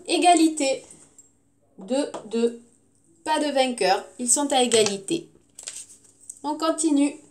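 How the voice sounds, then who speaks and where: A tired woman teaching young children, slow and patient, stretching out her words. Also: sits high. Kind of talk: classroom lesson for young children.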